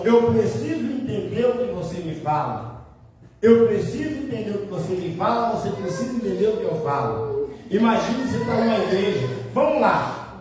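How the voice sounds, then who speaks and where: A man with a Brazilian Portuguese accent, a pastor preaching a sermon and quizzing the congregation. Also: sits high. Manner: lively, questions the congregation, plays with children. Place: church hall. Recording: echoey church hall from far off, music behind.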